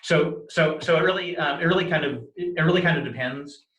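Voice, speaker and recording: A man's voice: a little high, fairly bright tone. A man giving a conversational personal account in disjointed, cluttered speech, repeating words and syllables and often restarting his phrases. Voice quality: disfluent cluttered speech with many word and syllable repetitions. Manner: disjointed, halting, self-correcting delivery with frequent restarts. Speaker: interviewee sharing his experience of cluttering. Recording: roomy, echoey video recording.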